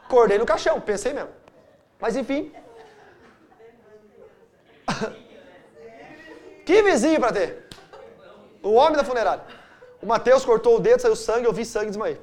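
A middle-aged man from Brazil, a pastor leading a Bible study, telling stories with big swings between loud and hushed. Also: very high-pitched, a little slow, long pauses. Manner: animated storytelling with wide swings of loudness.

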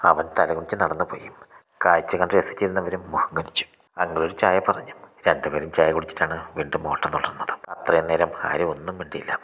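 A man narrating a scripted short story in a brisk reading that often slides into a breathy half-whisper. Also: a bass voice, little pitch movement, a bit bright.

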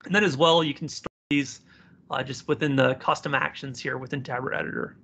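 A man giving an informal live software tutorial, speaking to learners directly and encouragingly as their instructor. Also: mid-range voice, fairly even intonation, a little fast, slightly rough. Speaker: software instructor, community presenter.

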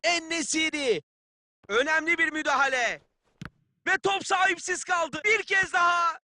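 A man with a very high-pitched voice plays an eager football play-by-play announcer in a video game, calling the match in clipped phrases at a measured pace. It's a full character voice, pushed and bright, with a keen, tense mood.

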